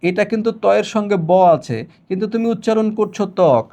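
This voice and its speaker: A young man with a slightly high voice gives an exam-prep grammar lesson. He lays out each rule in order, repeats the key points, and asks his own checking questions before answering them. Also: lively intonation, fast, dark tone. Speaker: teacher.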